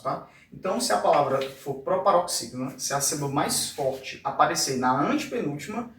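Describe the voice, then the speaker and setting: A male teacher with a slightly high voice explains a grammar lesson at the board, checking in constantly with quick tag questions. He stretches words out syllable by syllable. The recording is roomy, and he sits a little distant from the mic. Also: fairly bright tone. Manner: frequent tag questions like "tá?" and "fechado?"; drawn-out syllable-by-syllable pronunciation. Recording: echoey room, voice a bit distant from the mic.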